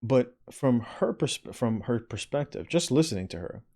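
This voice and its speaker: A man's voice: medium pitch, animated, moderate pace, a little mellow. A man giving blunt reaction commentary, often tagging his points with a question and swearing. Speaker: video commentator. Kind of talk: reaction commentary on a played clip.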